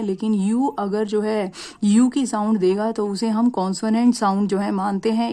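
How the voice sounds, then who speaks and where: A woman's voice: mid-range voice, a little mellow. A woman teaching a grammar lesson to students, explaining step by step, asking rhetorical questions and using the filler "jo hai" often. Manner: explains step by step, asks rhetorical questions, drawls example words slowly. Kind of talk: classroom lesson.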